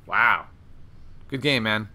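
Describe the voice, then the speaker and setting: A man hosting an online card game show, commenting casually on matches and interviewing the winner, chatty and quick to laugh. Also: fairly low pitch. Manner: chatty, laughs often, animated outbursts. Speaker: host and commentator.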